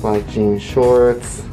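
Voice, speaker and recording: A man of thirty, a nurse, talking casually and self-consciously while vlogging with a handheld camera, mostly outdoors, with the odd laugh. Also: mid-range voice. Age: 30s. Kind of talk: casual travel vlog. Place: outdoors at the beach and around town, also a hotel room. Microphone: handheld camera at arm's length. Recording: music playing underneath.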